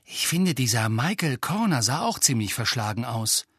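A man voicing a blunt, hot-tempered teenage boy who is quick to blame others, in an audiobook reading. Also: medium pitch, very animated, fairly bright tone, slightly rough, no room sound, clean studio sound. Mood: agitated.

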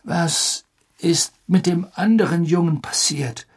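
A man's voice: fairly high pitch, slow pace, breathy edge, voice pushed up. A man doing a gaunt exhausted fugitive. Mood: emotional. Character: gaunt worn-out escaped man, grateful.

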